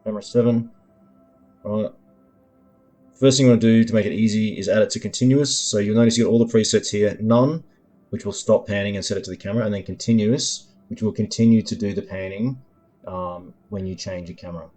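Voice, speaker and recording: A man demonstrating his own app in a screen-recording tutorial, explaining each control in an unhurried way, with lots of ums and uhs as he thinks aloud. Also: lowish voice, steady tone, mellow, soft background music. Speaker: developer demoing his app.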